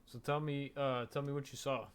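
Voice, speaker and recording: A man hosts a casual interview in a middle-pitched voice. He asks short follow-up questions and gives quick reactions to what his guests say. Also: flat delivery, a little hiss or hum. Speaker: host interviewer.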